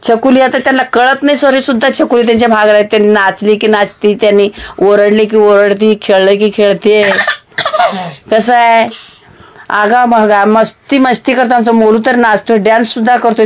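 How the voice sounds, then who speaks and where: Chatty woman narrating a home vlog. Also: fairly high pitch. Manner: chatty, rambling, with frequent fillers and restarts. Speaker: vlogger.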